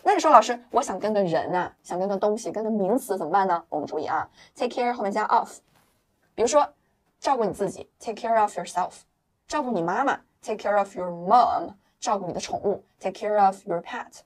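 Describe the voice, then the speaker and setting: A woman teaching English in a lively online lesson, explaining in Mandarin with a Chinese accent on the English phrases and coaxing learners with frequent tag questions. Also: medium pitch, fairly quick.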